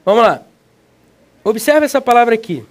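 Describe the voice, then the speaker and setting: A man with a Brazilian Portuguese accent teaching an energetic exam-prep video lesson, slangy and emphatic, talking straight to the student. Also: very high voice, normal speed.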